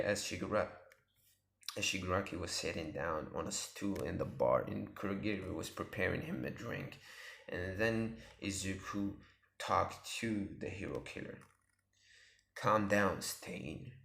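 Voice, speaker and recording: A man's voice: sits low, normal speed, creaky, fairly bright tone. A man hosting his channel, narrating a fan story casually in a rambling, improvised way.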